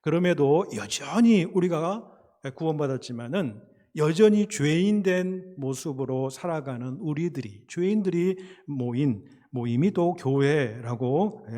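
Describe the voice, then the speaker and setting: A man preaching a Sunday sermon in a church, speaking in a measured way with frequent hesitation sounds and building emphasis on key points. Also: a little high, warm tone. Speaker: pastor. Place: church sanctuary.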